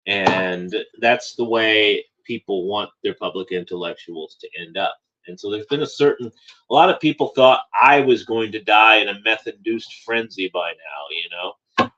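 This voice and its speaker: A man's voice: fairly low pitch, normal speed, pushed and bright, highs cut off. A man talking as a political commentator in a casual monologue, rambling and repeating phrases with frequent "you know".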